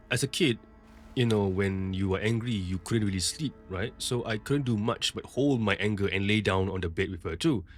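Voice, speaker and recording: A male podcast host retelling a listener's ghost story in a casual, conversational way, with frequent asides. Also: deep voice.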